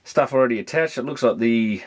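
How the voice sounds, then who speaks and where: Brisk and mid-range, the repairer's voice comes with slight background noise. He thinks aloud through the electronics in a casual, rambling, down-to-earth style while presenting his repair video.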